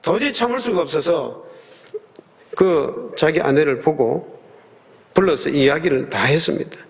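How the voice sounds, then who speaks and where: A male pastor delivering a sermon in a church, pitched a little higher than most men. He tells the story earnestly and with emphasis, acting out the quoted lines. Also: gravelly. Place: church sanctuary.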